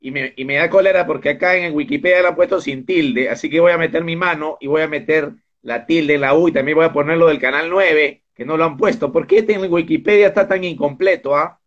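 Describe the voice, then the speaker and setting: A man's voice: a little high, a little fast, few pauses, highs cut off. A man hosting a casual online interview, chatty and full of asides as he jumps between topics. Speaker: interviewer and host. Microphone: video call.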